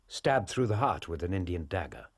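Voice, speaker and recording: An English gentleman doctor, a detective's loyal companion in a period drama. His voice is deep and husky, rising and falling expressively, with a genial, proper politeness. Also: big pitch swings, moderate pace. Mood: grave.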